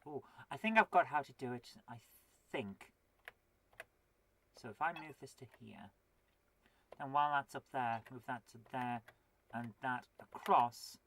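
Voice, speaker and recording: Her voice is a rumbling low, unhurried and full of pauses, with slight background noise. She's a forty-year-old woman with a cold, streaming retro games live, chatting with viewers, muttering to herself and poking fun at herself.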